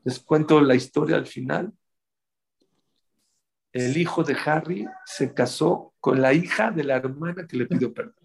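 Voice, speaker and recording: Gravelly man preaching. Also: on the high side, a little slow, low-quality recording. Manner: animated, addressing the audience directly. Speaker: religious speaker. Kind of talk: storytelling sermon to women.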